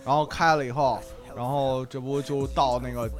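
A young man, a podcast co-host, telling a story in casual chat, excitable and swearing often. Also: medium pitch, moderate pace, music in the background.

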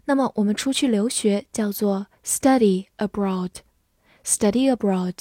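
A woman teaching English vocabulary, spelling each word letter by letter and reading the example sentences slowly, phrase by phrase. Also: medium pitch, warm tone, no room sound, clean studio sound. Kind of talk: scripted vocabulary lesson.

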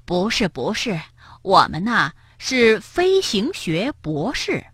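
Sly stork doctor, read by a woman: quiet, over-polite, breathy and scheming, slow. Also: medium pitch, big pitch swings, no room sound, studio quality, exaggerated voice. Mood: smooth. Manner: smooth, hushed and ingratiating.

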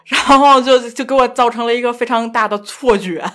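A young woman guest telling a self-mocking love story in casual chat, animated and laughing often. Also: a little high, fairly quick. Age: young adult. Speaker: podcast guest.

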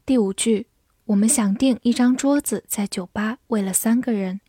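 A woman teacher in a slow vocabulary drill. She says each English word twice, then reads out its meanings calmly. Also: on the high side, slightly rough, dry recording, clean studio sound.

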